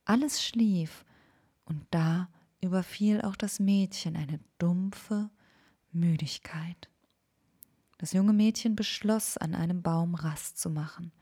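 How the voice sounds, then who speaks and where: A woman telling a bedtime story in a soft, partly whispered, calm voice. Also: lowish voice, husky. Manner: slow, hushed, calm.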